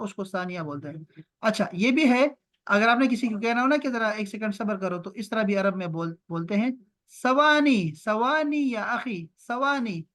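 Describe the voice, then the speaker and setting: A man teaching an online language lesson over a video call, repeating words slowly and drawing them out for his learners. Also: sits high, fairly bright tone. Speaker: Arabic teacher.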